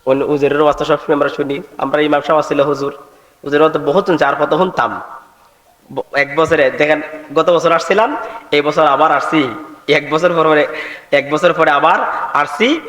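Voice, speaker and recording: A man's voice: fairly high pitch, fairly even intonation, moderate pace, long pauses, a bit bright. A man with a Sylheti accent preaching a Bengali waz sermon into a microphone, with melodic chanting calls to the crowd. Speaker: Islamic preacher. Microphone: microphone at a public gathering. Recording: echoey hall with long reverb.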